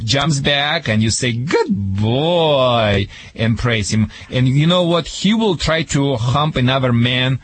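A man's voice: mid-range voice, moderate pace, few pauses, a bit bright, husky, dry recording. A man from Russia with a Russian accent gives spontaneous advice as a radio dog trainer, speaking emphatically and jokingly with non-native grammar and dropped articles.

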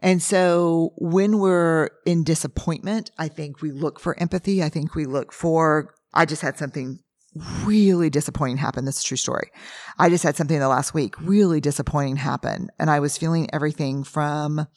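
Speaking at a normal speed in a deep, husky, hoarse voice, the same middle-aged podcast host chats on her own to listeners. Her storytelling is candid and lively, full of acted-out quotes, captured dry and close-miked with no echo.

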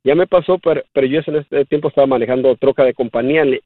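A man calling a show, chatting informally and haltingly with some English mixed in, over a band-limited call. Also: medium pitch, no room sound, phone-quality sound. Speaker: caller, truck driver. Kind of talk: casual call-in chat.

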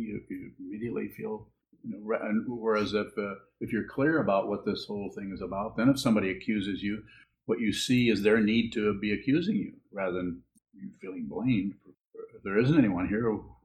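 A man giving a rambling, gently humorous Buddhist talk and answering questions from the room. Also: fairly low pitch, fairly quick, low-quality recording. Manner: rambling, restarts, gentle chuckles. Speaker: Buddhist teacher.

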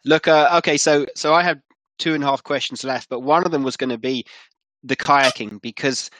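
A man hosting a conversational interview, halting and repeating words as he thinks. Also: medium pitch, fairly bright tone, no echo, poor audio.

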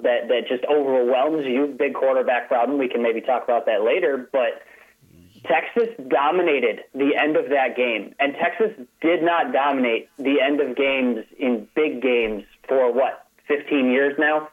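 A man phones in to a radio show as a guest analyst, chatty and relaxed, often doubling back on his words. The line is thin and phone-like, cutting off the low and high end. His pitch sits in an ordinary middle range for a man. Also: moderate pace. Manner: chatty, restarts phrases, light laughs. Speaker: sports writer guest. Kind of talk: casual call-in analysis. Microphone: telephone.

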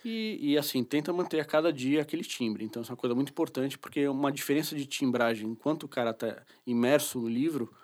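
A man's voice: medium pitch, fast, hardly any pauses, a little mellow. A man, an audiobook studio director explaining his work in colloquial, casual conversation.

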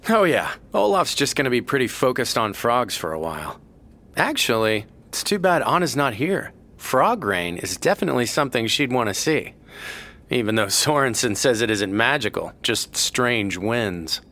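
A man voicing an easygoing young mountain man who talks in a relaxed, friendly way in an audio drama. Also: medium pitch, moderate pace.

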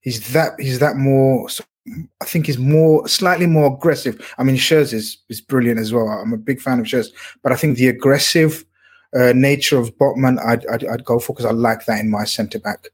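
A man's voice: mid-range voice, steady tone, moderate pace, breathy edge. A man in a casual sports discussion, giving his view as a pundit and often repeating words as he weighs it. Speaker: football pundit.

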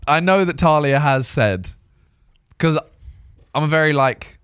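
A man's voice: a little high, unhurried, a bit bright, clean tone, dry recording, studio quality. A young man co-hosting a podcast, chatting casually, laughing often and acting out quoted dialogue. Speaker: podcast co-host. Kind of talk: casual chat.

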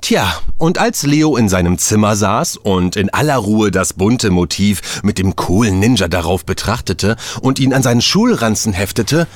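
A man's voice: lowish voice, lively intonation, moderate pace, few pauses, no echo. A man narrating a children's story, playful and speaking directly to the listener.

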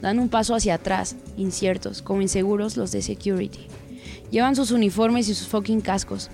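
Woman narrator, dramatic story reading, crude slang, mid-range pitch. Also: fairly even intonation, creaky, darkish tone, faint music behind. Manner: crude slang, gritty and unhurried.

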